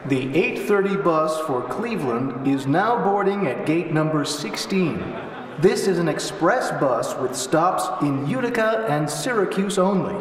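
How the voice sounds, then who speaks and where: A man's voice: on the high side, expressive, unhurried, recorded from a distance. A man reading a formal station announcement over the intercom. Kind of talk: scripted public address announcement. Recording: echoey hall, public address speaker from afar.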